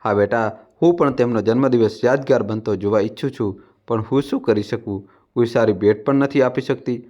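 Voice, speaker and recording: A gentle elderly widowed mother from a storybook tale, soft-spoken and pleading, her words coming out hesitant and meek, as a male narrator reads her part. The delivery stays close to an ordinary reading voice at a middle pitch. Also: a little fast, muffled recording, lightly acted.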